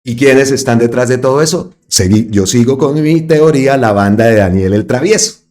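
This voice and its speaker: A man's voice: medium pitch, normal speed, a little mellow. Emphatic man giving commentary. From Colombia. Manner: emphatic, repeats phrases for stress. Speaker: host of an online political channel. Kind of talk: political commentary monologue.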